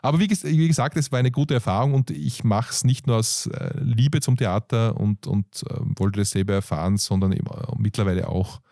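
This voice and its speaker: A man with an Austrian accent, a coach and comedian, telling stories in an interview with lively laughs and many fillers. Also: fairly low pitch, a little fast, few pauses, dry recording, studio quality. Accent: Austrian German. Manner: animated storytelling with frequent laughs and fillers. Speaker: guest, coach and stand-up comedian. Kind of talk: conversational interview.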